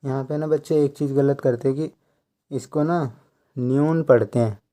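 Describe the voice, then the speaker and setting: A man giving a slow tutorial, counting out numbers one by one and explaining how each is read. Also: medium pitch, steady tone, mellow. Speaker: language teacher.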